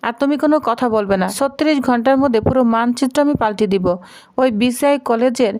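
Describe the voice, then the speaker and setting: Woman doing an arrogant patriarch, scornful, dismissive, high-pitched. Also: brisk, a little mellow, natural voice. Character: arrogant, angry middle-aged man, household patriarch.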